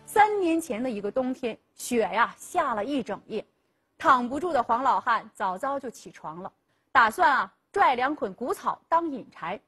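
A woman's voice: fairly high pitch, husky, faint music behind. A woman hosting a legal program, telling a village story dramatically and acting out the characters' dialogue. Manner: lively storytelling, acting out dialogue with drawn-out 啊 pauses.

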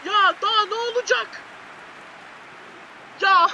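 A man giving excited, shouty commentary over his own football video game play, repeating players' names and groaning at mistakes, his voice going hoarse. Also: extremely high pitch, slow, highs cut off, a little hiss or hum. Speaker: gaming YouTuber. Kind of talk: live gameplay commentary.

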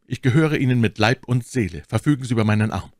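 A man voicing a gallant, flattering young swordsman in a courtly, earnest way. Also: medium pitch, quick pace, no room sound, clean studio sound, voice pushed up, natural voice.

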